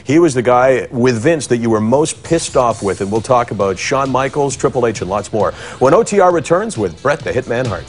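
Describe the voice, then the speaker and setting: A man's voice: medium pitch, animated, brisk, hardly any pauses, faint music behind. A man hosting a sports talk show, pressing his guest with probing questions. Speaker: talk show host, interviewer. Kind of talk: broadcast sports interview.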